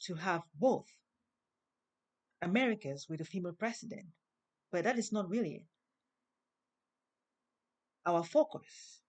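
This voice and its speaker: A woman with a fairly low pitch and a non-native English accent hosts an inspirational monologue. Like a preacher, she talks slowly and deliberately, lifting her voice to stress key words.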